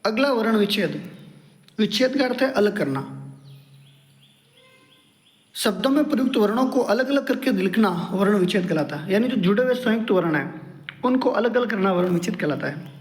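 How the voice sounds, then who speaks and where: A man's voice: high voice, expressive, moderate pace, long pauses. A man teaching a grammar lesson, explaining each rule step by step and repeating it several times. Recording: echoey room with long reverb.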